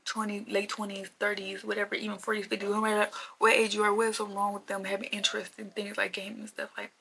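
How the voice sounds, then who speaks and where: A woman's voice: medium pitch, monotone, fast talker, creaky, fairly bright tone, slight background noise, rough recording. A woman in her mid-twenties rambling casually to camera in a rant, repeating herself and filling with "like" a lot. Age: 20s. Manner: chatty, repetitive, lots of "like" fillers. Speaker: vlogger.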